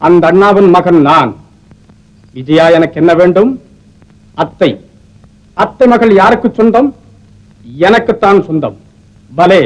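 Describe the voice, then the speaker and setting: A sly young schemer works out his plan in a low mutter. The delivery is theatrical 1950s film melodrama acting. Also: a little slow, pauses often, rough recording. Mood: scheming. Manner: plotting, muttering to himself. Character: sly young man scheming to claim a family tie.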